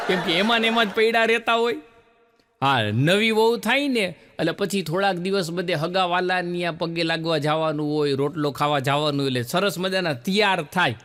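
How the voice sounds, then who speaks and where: A stand-up comic with a Gujarati accent performs in a large hall, acting out the quoted voices in his animated stories. His voice is on the high side.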